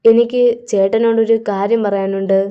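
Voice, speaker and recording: A woman's voice: mid-range voice, little pitch movement, normal speed, clean tone, muffled recording, close to an everyday voice. A woman voicing an earnest young man in love who speaks in an insistent, pleading way.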